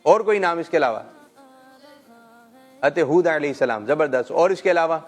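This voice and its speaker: Gentle coaxing male kids' show host. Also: on the high side, animated. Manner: gentle, coaxing questions, frequent "mashallah". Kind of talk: teaching children, live call-in show.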